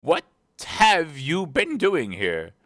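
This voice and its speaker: Man doing a shrill, screaming Queen of Hearts. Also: wildly swooping pitch, slow, dry recording, studio quality, full character voice. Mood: bellowing, commanding. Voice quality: shrill, loud. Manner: imperious, screaming commands. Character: shrill, imperious, furious Queen of Hearts, bellowing woman.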